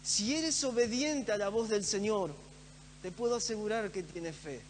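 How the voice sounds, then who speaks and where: A man delivers a sermon with earnest emphasis, repeating key phrases. His voice sits very high for a man. The church hall gives it a long, trailing reverb. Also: measured pace. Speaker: preacher. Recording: echoey church hall with faint hum.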